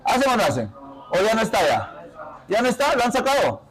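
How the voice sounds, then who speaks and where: High-voiced Peruvian teacher quizzing a class. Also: male voice, huge pitch swings, fairly bright tone, low-quality recording. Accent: Peruvian Spanish. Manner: quizzing students with rapid questions, urging them to answer. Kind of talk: interactive classroom lesson.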